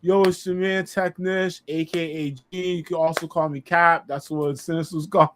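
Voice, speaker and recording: A man's voice: fairly high pitch, flat delivery, normal speed, a bit bright, slight background noise. A man from Boston with a pseudo New York accent, a guest on a casual podcast who talks in a loose, rambling way with lots of fillers. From Boston, Massachusetts. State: recovering from dental surgery. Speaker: guest content creator.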